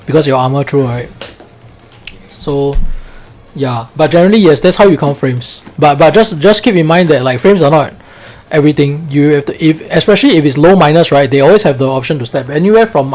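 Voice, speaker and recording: Male game coach, Singlish, slightly high voice, casual teaching with frequent check-in tags. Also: a little mellow. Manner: colloquial Singlish, checks understanding with frequent "right?".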